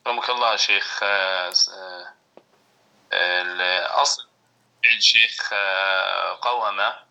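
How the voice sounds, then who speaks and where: A man answering his teacher in an online class, hesitant and halting, stopping often to restart. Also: sits low, fairly even intonation, creaky, bright, forceful tone, low-quality recording. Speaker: student.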